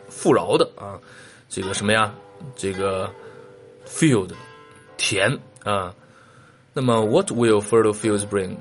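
A man teaching a lesson, patiently explaining translations, asking questions and spelling out words letter by letter. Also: lowish voice. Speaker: English teacher.

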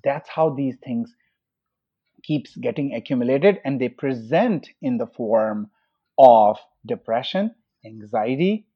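A man appears as a doctor and expert guest on a podcast, patiently explaining with everyday examples and asking questions of his hosts and listeners. His medium-pitched, husky voice has lively intonation and a slow pace. The recording is muffled and lo-fi.

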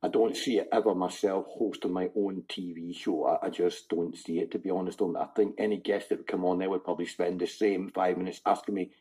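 A Scottish man hosting a radio show, chatty and jokey with his guest. His voice is husky and sits at an ordinary male pitch. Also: steady tone, fairly quick, few pauses. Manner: jokey, chatty, warm sign-offs. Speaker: radio host. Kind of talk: casual radio chat.

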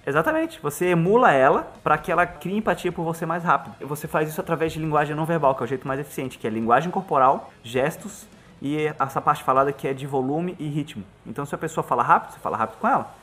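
Brazilian male musician guest, rapid and lively, playacts conversations; slightly high voice. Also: soft background music. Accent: Brazilian Portuguese. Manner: fast, animated, acts out dialogue. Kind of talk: casual podcast conversation.

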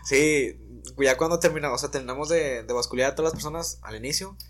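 A man's voice: fairly high pitch, fast, slight background noise. A man with a northern Mexican accent from Monterrey, chatting casually as a guest and reliving old memories. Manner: relaxed, laughs easily, relives moments loudly. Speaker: guest, former stadium security worker. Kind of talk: casual chat.

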